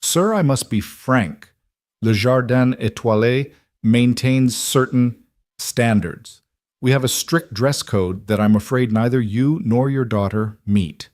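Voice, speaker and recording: A man voicing a snobbish, condescending male restaurant host in a pompous, drawn-out manner. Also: mid-range voice, expressive, darkish tone, no room sound, studio quality, close to an everyday voice. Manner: pompous, drawn-out sneering delivery.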